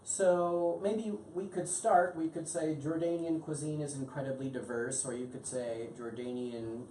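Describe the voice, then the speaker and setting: A woman's voice: sits low, steady tone, measured pace, warm tone, distant mic. An American woman teaching an interactive English lesson, encouraging and full of ums and mm-hmms. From United States. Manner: encouraging, lots of um and mm-hmm. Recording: echoey room, voice off-mic with faint hum.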